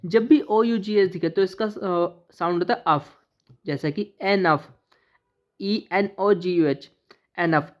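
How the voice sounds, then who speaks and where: A woman teaching an English pronunciation lesson who spells out letters and then says each word slowly and deliberately. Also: lowish voice, a little mellow. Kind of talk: classroom-style lesson explaining pronunciation. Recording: slightly dull, lo-fi recording.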